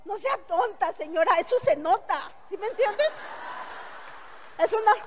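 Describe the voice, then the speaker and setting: A middle-aged woman with a Mexican Spanish accent tells her story with blunt, earthy humor. Her voice sits very high. The speech rings with a long hall reverb. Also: lively intonation, normal speed, a little hiss or hum. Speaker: motivational speaker. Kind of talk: testimonial speech to an audience.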